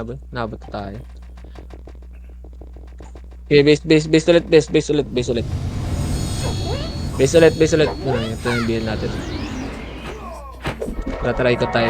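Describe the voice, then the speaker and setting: A man calling shots in live game voice chat, rattling off quick repeated commands and swearing. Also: a little high. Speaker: guild shotcaller.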